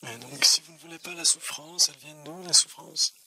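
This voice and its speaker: A man's voice: a little high, a little fast, sharp tone. A man giving a spoken Buddhist teaching at a retreat, asking his listeners questions and answering them himself, repeating key words for emphasis. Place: indoor retreat centre teaching room.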